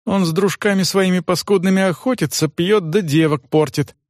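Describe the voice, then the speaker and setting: A man's voice: high-pitched, normal speed, a little mellow, no room sound, clean studio sound, voice pushed up, natural voice. A man voicing a simple, chatty peasant servant who talks in a folksy, rambling singsong. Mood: gossipy. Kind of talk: audiobook character voice.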